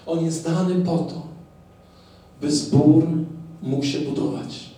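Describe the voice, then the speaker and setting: Echoey high-voiced male preacher. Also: steady tone, slow, warm tone. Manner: asks the congregation rhetorical questions. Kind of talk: sermon with call-and-response. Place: church hall. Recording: very echoey, from far off.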